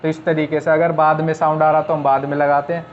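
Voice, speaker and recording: Male shorthand tutor, patient and repetitive, fairly high voice, lo-fi classroom recording. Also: flat delivery, quick pace. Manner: patient, repeats rules step by step. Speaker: shorthand teacher. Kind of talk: classroom lesson explaining at a board. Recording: slightly dull lo-fi recording with faint noise.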